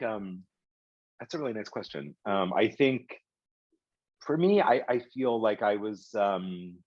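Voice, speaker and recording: A man's voice: lowish voice, dry recording, muffled recording. A middle-aged man telling stories as an interview guest, rambling with lots of fillers and restarts. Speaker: guest, publishing executive. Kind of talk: casual storytelling in an interview.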